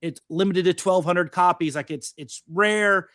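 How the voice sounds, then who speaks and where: A man co-hosting a casual podcast, rambling with many fillers and restarts. His voice sits a touch high, and the sound is close and dry. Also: unhurried, fairly bright tone, dry recording. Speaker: podcast co-host. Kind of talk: casual chat.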